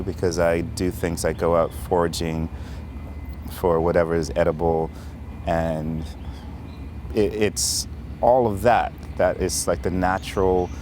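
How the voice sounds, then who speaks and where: A man's voice: sits low, darkish tone. A man from Bermuda talking reflectively in an interview. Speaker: artist being interviewed. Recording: outdoor traffic noise. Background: faint traffic and outdoor ambience.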